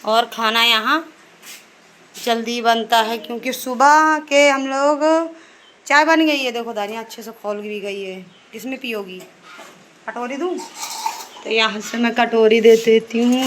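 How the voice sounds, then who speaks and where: A woman's voice: on the high side, fairly even intonation, a little slow, pauses often, noisy background. A woman filming a casual family vlog at home on her phone, chatting to viewers while looking after her children. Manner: chatty, addresses viewers as guys while tending to kids. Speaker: vlogger and mother. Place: home, indoors.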